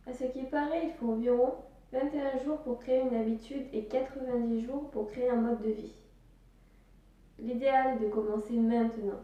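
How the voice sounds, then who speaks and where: A woman's voice: fairly high pitch, dark tone. Chatty woman vlogger in an echoey room. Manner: chatty, with many fillers like "voilà" and "hop". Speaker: business vlogger. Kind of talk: casual advice vlog. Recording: very echoey room, distant mic.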